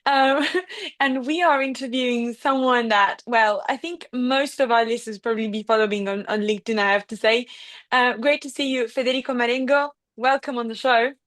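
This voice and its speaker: A woman's voice: a little high, moderate pace, a bit bright. A young woman in her twenties hosting a podcast, chatty and enthusiastic, with frequent fillers. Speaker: podcast host.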